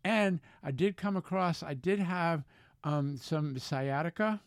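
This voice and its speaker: An older man in his seventies with a clear, resonant voice pitched a little high for a man. He talks like a salty old sailor, blunt and folksy, telling stories casually. The sound is close and dry. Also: slow pace, no room sound. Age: 70s. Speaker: veteran solo sailor, interview guest. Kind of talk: casual chat, storytelling.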